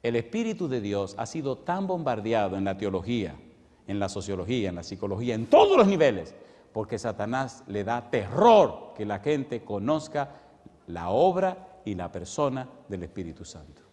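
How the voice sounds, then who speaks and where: Man preaching with rapid-fire questions. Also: fairly low pitch. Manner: animated, keeps asking the congregation questions. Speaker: pastor. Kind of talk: sermon. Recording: long reverb in a large hall.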